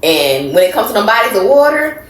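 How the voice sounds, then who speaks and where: A woman co-hosting a casual podcast chat, telling stories with lively acted-out voices. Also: mid-range voice, a little fast. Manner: animated storyteller, acts out voices. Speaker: podcast co-host. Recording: echoey room, faint ambience.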